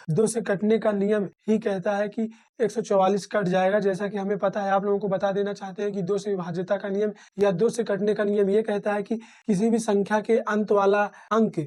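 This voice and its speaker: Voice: medium pitch, mellow. A teacher explaining a math method step by step, often addressing listeners as friends and answering their own questions. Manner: repeats and rephrases steps.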